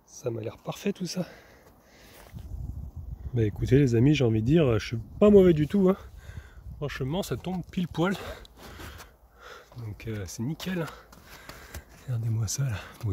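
A man's voice: mid-range voice, expressive, moderate pace, long pauses, warm tone, a little hiss or hum. A young man chatting casually through a do-it-yourself build, filling his talk with fillers and restarts as he works, partly on a camper van roof outdoors. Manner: chatty, many fillers and restarts, talking while working. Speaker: vanlife vlogger. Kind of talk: casual DIY narration.

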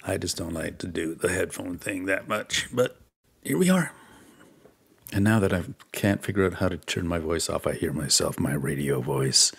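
A man hosting a live online drawing session in casual, chatty talk, self-mocking and quick to laugh, speaking close to a desk mic. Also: sits low, vocal fry, breathy edge. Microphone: close desk mic, wearing headphones.

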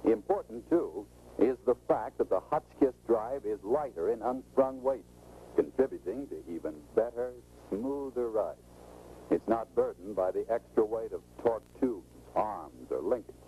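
On an old film soundtrack with poor audio and slight background noise, a middle-aged American automotive expert presents a sales training film in 1940s style. His fairly low, mellow voice is animated yet a little slow, and his scripted narration is instructive and salesmanlike.

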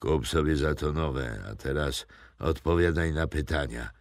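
A man's voice: rumbling low, measured pace, no room sound. A man voicing a stern young officer. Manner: curt, commanding orders. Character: young male Tatar officer, commanding and stern. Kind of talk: audiobook character voice.

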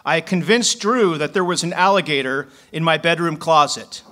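Reading his own poetry from paper at a stand mic on a small club stage, this Philadelphia poet in his forties later shifts to telling a story. He speaks at normal speed in a sharp tone, with a voice on the high side.

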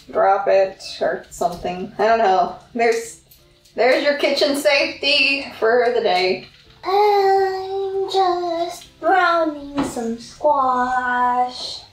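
A young woman in her twenties cooking in her home kitchen, chatting to the camera and thinking aloud in a self-deprecating way. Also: high-pitched. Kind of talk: casual cooking vlog. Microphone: far camera. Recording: roomy kitchen sound from a distant camera.

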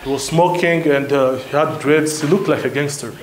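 A young man giving a humorous storytelling speech at a club meeting, animated, laughing often and acting out the voices in his story. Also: a little high, moderate pace. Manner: animated, laughs often, acts out quoted lines. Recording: echoey room with loud background noise.

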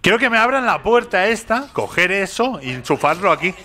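Young guy, high-pitched, jumpy let's play chatter, keeps repeating himself. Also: big pitch swings, brisk, pushed and bright. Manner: nervous, talks to himself, repeats phrases, begs and complains. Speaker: gaming youtuber. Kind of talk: horror game let's play commentary.

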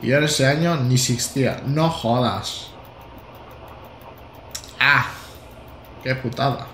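A Spanish gaming streamer in his thirties jokes and chats casually while driving a train in a live-streamed simulator game, rambling with stammered restarts and bursts of laughter. His mid-range voice has a steady, sharp tone at a moderate pace. The room is echoey, with slight background noise.

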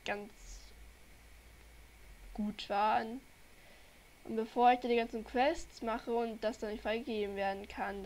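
Speaking a bit high with a darkish tone, this young German streamer has a cold and talks casually to her viewers during gameplay, rambling as she goes. Slight background noise comes through her desk microphone.

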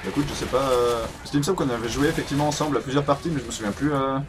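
A man's voice: medium pitch, rapid-fire, background noise. A man co-playing a game, answering in a laid-back, dry way. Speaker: co-player. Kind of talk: casual let's play chat.

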